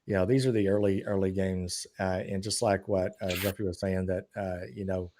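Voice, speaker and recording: A man's voice: deep voice, flat delivery, moderate pace, warm tone, a little hiss or hum. A man in his forties, a guest on a live stream, talking in a rambling way full of "you know" and "uh". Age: 40s. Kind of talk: casual chat on a live stream.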